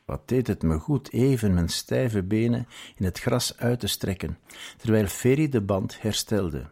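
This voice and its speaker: A man reading a story aloud in a measured, scripted narration. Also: on the low side, animated, a little mellow.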